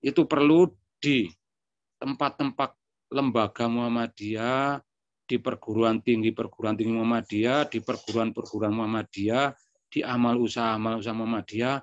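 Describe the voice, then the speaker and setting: A man's voice: mid-range voice, no echo. A man telling a personal story, acting out bits of dialogue, with frequent filler words. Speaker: speaker giving a testimony. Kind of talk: spoken reminiscence. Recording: dry, dull lo-fi sound.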